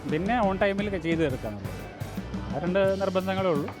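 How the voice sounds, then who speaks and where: A man's voice: high voice, very animated, brisk, over music. A man with a Kerala Malayali accent giving informal interview answers as a kitchen manager, mixing English words into Malayalam.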